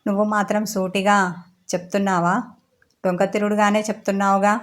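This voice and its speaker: A woman's voice: mid-range voice, level tone, brisk, close to an everyday voice. Woman voicing a sulky lovesick young man. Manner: sulky, wounded questions.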